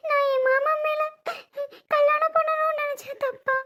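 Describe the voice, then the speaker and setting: A woman's voice: extremely high pitch, fairly even intonation, normal speed, fairly bright tone, soft background music. A woman voicing a heartbroken young woman who talks in a weepy, pleading, self-pitying way. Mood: despairing.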